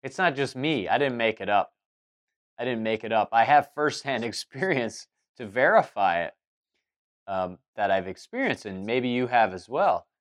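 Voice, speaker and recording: A man's voice: medium pitch, lively intonation, normal speed. A man giving a loose spoken monologue as host, restarting sentences and circling back with fillers as he talks. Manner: rambling, many restarts and fillers. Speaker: spiritual talk host.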